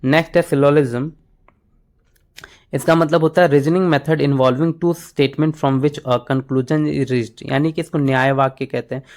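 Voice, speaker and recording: A man's voice: fairly high pitch, fairly even intonation, measured pace, a little mellow. Hindi-speaking man teaching words. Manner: explains words in Hindi mixed with English, memory tricks, frequent "ठीक है". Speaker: English vocabulary teacher. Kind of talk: exam-prep vocabulary lesson.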